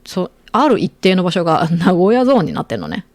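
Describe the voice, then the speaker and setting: A middle-aged woman, co-hosting a casual chat show and telling stories in an animated way. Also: lowish voice, quick pace, dry recording. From Aichi, Japan. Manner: animated storyteller, lively quoting voices. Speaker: podcast host.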